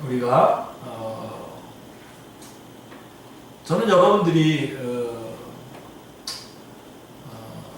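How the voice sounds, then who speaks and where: A fairly high-voiced male pastor leads a Bible study, urging his listeners on in an earnest, exhorting tone. His voice rings through a big, echoey church hall, picked up from some distance away with a faint hiss behind it. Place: church sanctuary.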